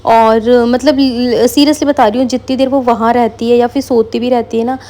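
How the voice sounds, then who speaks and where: This young vlogger rambles through everyday anecdotes for her audience, speaking Hindi peppered with English in a relaxed, chatty way. Her voice sits a bit high but is soft and mellow instead of bright, steady in tone and at a normal speed.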